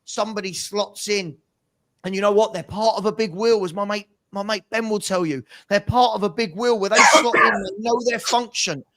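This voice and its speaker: Passionate, high-pitched man on a rant. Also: normal speed, fairly bright tone. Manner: passionate, exasperated; emphatic, repetitive rhetorical delivery. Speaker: football fan pundit on a fan channel. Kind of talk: opinion rant.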